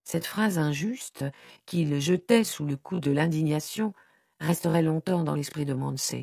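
A woman reading a literary novel aloud in a measured, expressive way. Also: low-pitched, creaky, no echo, clean studio sound. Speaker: audiobook narrator.

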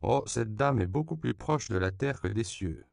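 A man's voice: medium pitch, expressive, normal speed, creaky, dry recording, voice pushed up. A man reading the lines of a mocking male doctor in an audiobook, dry and amused. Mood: wry. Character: sardonic male doctor atop a ladder.

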